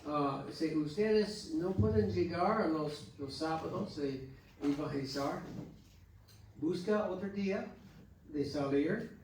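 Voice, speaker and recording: An American pastor preaches a Sunday school lesson in a church hall, his male voice sitting on the high side with a slightly mellow quality. He is earnest and exhorting, often stopping and restarting. The recording is distant and echoey, with slight background noise.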